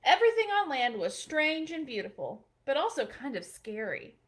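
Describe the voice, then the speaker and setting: Reading a bedtime picture book at a moderate pace, this children's librarian has a high voice and a soft, expressive storytelling style.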